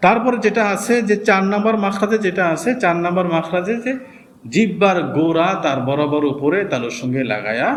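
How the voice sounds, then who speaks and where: A male teacher giving a slow, careful lesson on pronouncing Arabic letters, repeating each sound several times. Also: sits high, slight background noise. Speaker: Quran reading teacher.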